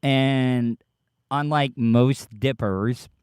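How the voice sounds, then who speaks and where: Man, casual livestream host, slurred lip-full-of-dip speech, unhurried pace, halting, defensive, sweary, close dry sound. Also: medium pitch, darkish tone, clear, resonant tone, no echo. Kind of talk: casual livestream chat, answering live commenters.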